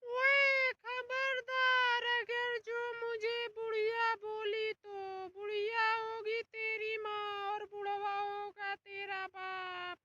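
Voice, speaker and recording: A shrill, troublemaking old mother-in-law in a comedy skit, played by a woman. She drags her words out in a whiny, wailing drone, very high and flat, and loud noise runs under the whole recording. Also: recorded from a distance, dull audio. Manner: wailing, drawn-out shouting. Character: quarrelsome old mother-in-law who stirs up fights.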